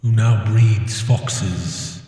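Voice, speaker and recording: A man's voice: lowish voice, fairly even intonation, dark tone. A man voicing an ancient, solemn forest spirit knight in a tabletop roleplaying game, with grave, formal pronouncements. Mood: grave sorrow. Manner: slow, grave, formal pronouncements with long pauses. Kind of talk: in-character tabletop game narration. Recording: cavernous long reverb, distant voice.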